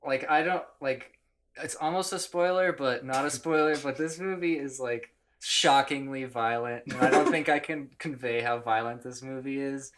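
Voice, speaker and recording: A man's voice: mid-range voice, normal speed, a bit bright. A young man co-hosting a casual movie podcast, talking in a laid-back, hesitant way with short remarks. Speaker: podcast co-host.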